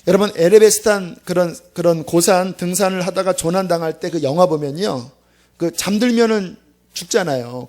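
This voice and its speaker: A man preaching a Friday sermon to his church, with a fairly high voice. He talks to the congregation like a friend, with sudden loud bursts and quiet, almost whispered asides. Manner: animated, conversational preaching with quick swings from loud to hushed. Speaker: pastor. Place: church sanctuary.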